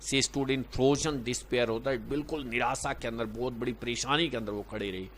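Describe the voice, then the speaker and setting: A man with an Indian accent teaching a lesson. He reads English lines slowly, then explains them at a quicker, conversational pace. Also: mid-range voice, steady tone, a bit bright, a little hiss or hum.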